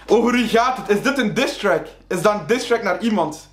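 Excitable high-voiced man reacting hyped. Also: brisk, roomy sound. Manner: excitable, hyped, loud exclamations. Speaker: reaction video host. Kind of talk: reacting to a rap track.

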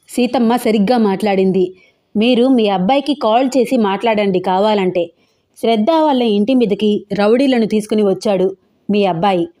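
A woman voicing a calm, firm young man who speaks levelly in a storybook tale. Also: mid-range voice, close to an everyday voice.

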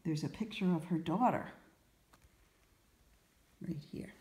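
A woman reading a storybook aloud in an expressive narrating manner. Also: lowish voice, takes it slowly, reverberant.

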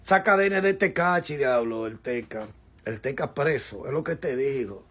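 A man hosting a celebrity gossip show, talking in a loud, mocking, theatrical way and egging on the audience. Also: medium pitch, expressive, moderate pace, slightly rough.

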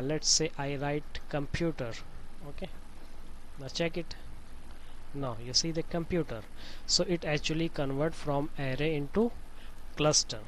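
A man giving an informal software tutorial in a halting, repetitive way with phrasing. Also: a little high, slight background noise, rough recording. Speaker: tutorial presenter.

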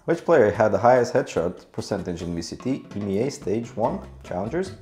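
A man's voice: lowish voice, very animated, a little fast, darkish tone. A man in his twenties casually hosting a quiz, reading questions aloud. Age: 20s. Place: small bathroom, seated in a chair. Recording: echoey bathroom, music behind.

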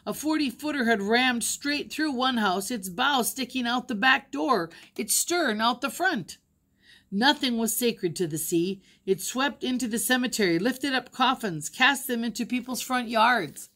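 A woman's voice: fairly high pitch, lively intonation, fairly bright tone. An older woman reading a novel aloud, stopping now and then to explain the pictures. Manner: plain, pauses to explain pictures. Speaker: storybook reader.

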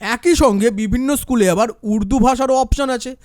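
High-pitched man giving assertive commentary. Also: brisk, a little mellow, dry recording, studio quality. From West Bengal, India. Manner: assertive, argues through rhetorical questions. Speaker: political commentator. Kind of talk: opinion commentary monologue.

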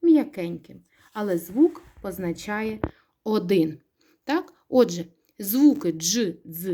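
A patient woman teacher with a Ukrainian accent talks a young class through a recorded lesson. Her voice is mellow and soft-edged, and she stretches words out to show where the stress falls, asking questions and then answering them herself. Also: medium pitch, slightly rough. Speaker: primary school teacher.

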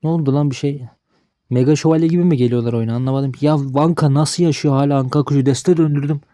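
A man mutters and grumbles as he plays, cursing bad luck in a casual running commentary. His voice is very dark and mellow, recorded dry and close with no room sound. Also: fairly high pitch, fairly even intonation, fast, no room sound. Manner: frustrated, swearing at the game, talking to himself. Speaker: gaming streamer.

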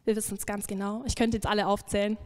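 A woman preacher giving a lively sermon, emphatic and swinging between loud and soft. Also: medium pitch, fast talker.

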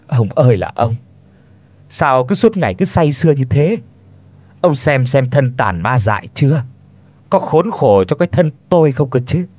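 A man's voice: medium pitch, big pitch swings, normal speed, a little mellow, no echo, muffled recording. A man voicing a wailing, desperate village wife. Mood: bitter reproach. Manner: wailing, pleading. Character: desperate, beaten middle-aged village wife.

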